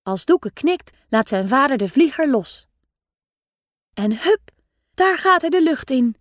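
A woman reading a children's story aloud in a lively, expressive way. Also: high-pitched, takes it slowly, dry recording, studio quality.

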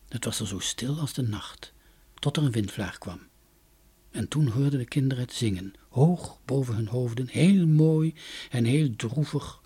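A man reading a fairy tale aloud, with calm, soft storybook narration. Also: medium pitch, husky.

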